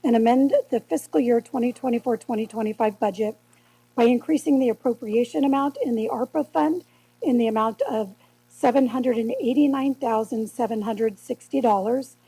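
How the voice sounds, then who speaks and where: A woman reading consent agenda items aloud at a city council meeting, in a steady, measured way. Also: on the high side, husky, low-quality recording. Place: council chamber.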